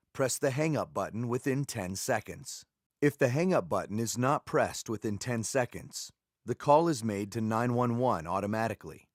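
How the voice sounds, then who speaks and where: A man's voice: mid-range voice, no room sound, studio quality. A man giving neutral, scripted step-by-step instructions as a video narrator. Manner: clear, neutral, procedural delivery. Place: dry studio voice-over.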